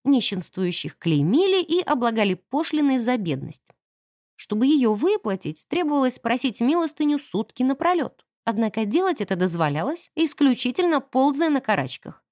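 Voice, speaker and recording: Brief: expressive woman narrator, animated and fairly high voice, dry close studio sound. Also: moderate pace, dry recording. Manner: vivid, animated storytelling. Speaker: audiobook narrator.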